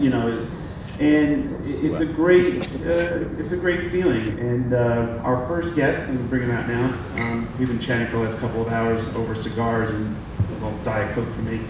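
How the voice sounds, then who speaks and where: Echoey, distant middle-aged man hosting a stage chat. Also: mid-range voice. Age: 40s. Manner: rambling with many restarts. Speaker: host. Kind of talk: onstage interview. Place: live event stage. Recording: echoey live room from far off with noise.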